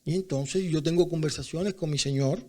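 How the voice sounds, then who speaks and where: A man preaching a sermon in church, telling personal stories and building to loud, emphatic declarations. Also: a little high, moderate pace.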